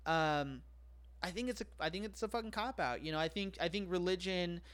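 Smooth, higher-voiced man chatting frankly. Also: brisk, fairly bright tone. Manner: frank and profane, with lots of fillers and self-deprecating humor. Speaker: podcast guest. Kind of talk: casual podcast chat.

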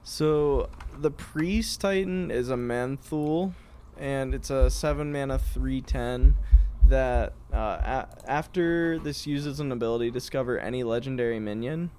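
A man's voice: mid-range voice, a little slow, darkish tone, a little hiss or hum. A man co-hosting a gaming podcast, chatting casually and agreeably. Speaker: podcast co-host.

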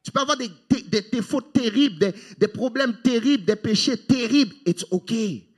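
A man preaching a sermon as pastor, animated, with sudden high exclamations and English phrases mixed in. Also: moderate pace, breathy edge.

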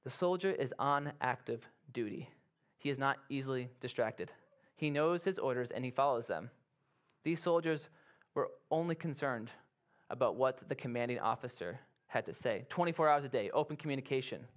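A man's voice: medium pitch, moderate pace. A man, a pastor, giving a conversational sermon and acting out little scenes with playful asides. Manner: conversational, acts out quoted soldiers with playful asides.

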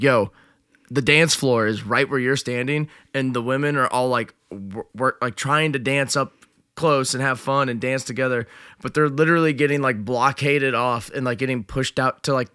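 A young man co-hosting a casual podcast talks bluntly and swears freely. He rambles through his stories with plenty of filler words. His voice sits at an ordinary pitch, recorded dry and close to the mic. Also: fairly even intonation, moderate pace, bright, forceful tone, clear, resonant tone, no room sound. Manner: blunt, profane, rambling with many likes. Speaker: podcast co-host; performing musician. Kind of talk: casual chat. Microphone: studio microphone.

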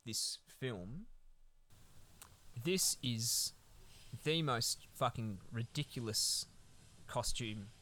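Bright-voiced man, rambling chat. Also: mid-range voice, expressive, extremely slow, long pauses. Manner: rambling, sweary, laid-back. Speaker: podcast co-host. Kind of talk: casual film-review chat.

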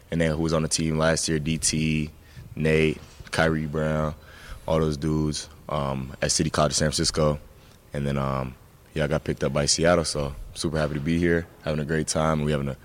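Very deep-voiced young man from Jamaica. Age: young adult. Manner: relaxed, laughs easily, says "man" and "like" a lot. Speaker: college basketball player, guest. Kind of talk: casual radio interview. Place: student radio studio.

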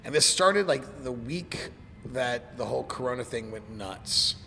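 A man with a slightly gravelly smoker's rasp chatting casually and informally about music. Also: mid-range voice, lively intonation, measured pace, pushed and bright. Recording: reverberant room with background noise.

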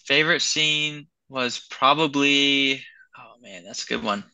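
Bright-voiced laid-back man. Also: mid-range voice, unhurried, clear, resonant tone, dry recording, poor audio. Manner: laid-back, filler-heavy slang. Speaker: podcast co-host. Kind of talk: casual chat.

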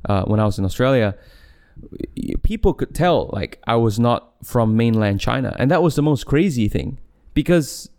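In this casual solo podcast chat, the same young Malaysian host rambles from his home room, the camera placed at a distance, frequently laughing and correcting himself. He speaks at medium pitch with lively intonation and a darkish tone, keeping a moderate pace.

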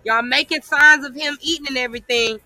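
A woman's voice: high-pitched, brisk, bright, forceful tone, no echo, faint music behind. A woman co-hosting a casual sports chat, talking in an emphatic, opinionated rant. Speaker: co-host.

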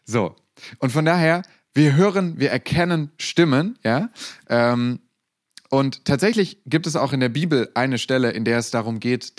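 A man in his thirties, a pastor, giving a sermon in a lively, conversational storytelling way to his congregation. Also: mid-range voice.

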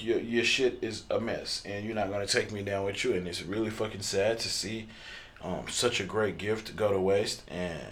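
Low-voiced man in a profane podcast ramble. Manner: loose, profane, lots of fillers and throat clearing. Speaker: podcast host. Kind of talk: casual profane storytelling monologue.

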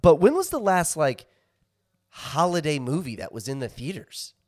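A man's voice: fairly high pitch, very animated, normal speed, darkish tone, dry recording, studio quality. A man and father co-hosting a casual podcast, musing at length and laughing mid-sentence. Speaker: podcast co-host. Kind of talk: casual chat.

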